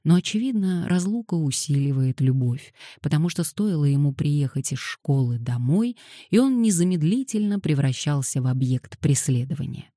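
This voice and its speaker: A woman with a low, mellow voice narrates a novel in a measured, wry audiobook delivery. The sound is close and dry. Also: lively intonation, no room sound. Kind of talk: scripted narration.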